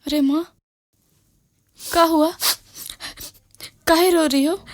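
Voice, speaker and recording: A woman's voice: very high voice, steady tone, takes it slowly. A woman playing an earnest village girl. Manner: earnest, rustic dialect, laughs easily. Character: determined village girl grown into art teacher.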